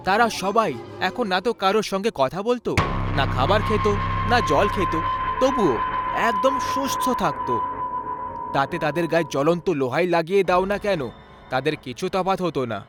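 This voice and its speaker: A male storyteller with a voice somewhat high for a man narrates a scripted horror tale. Music is clearly audible behind him.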